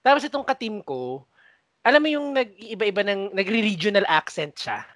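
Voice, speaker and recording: A woman's voice: medium pitch, animated, normal speed, dry recording. Filipino woman cohost, casual chatty stories, mid voice, laughs a lot, dry recording. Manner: laughs often, mimics coworkers. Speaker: podcast co-host. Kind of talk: casual storytelling chat.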